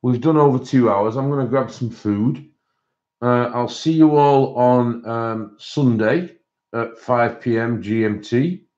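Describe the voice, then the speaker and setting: A man's voice: medium pitch, takes it slowly, a little mellow, lo-fi sound. A man hosting a livestream, chatting casually with viewers and thinking aloud in a hesitant way. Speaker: livestream host.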